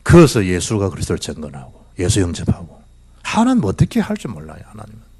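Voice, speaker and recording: Animated pastor, wildly lively pitch. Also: male voice, fast talker, slightly rough. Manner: animated preaching with rhetorical questions and swings from loud to hushed. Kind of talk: sermon. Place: church sanctuary.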